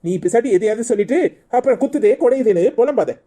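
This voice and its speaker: An exasperated husband, voiced by a woman, in a cartoon, grumbling and mocking with a Kanyakumari Tamil accent. The voice is mellow and mid-pitched. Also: lively intonation, fast talker. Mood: irritated.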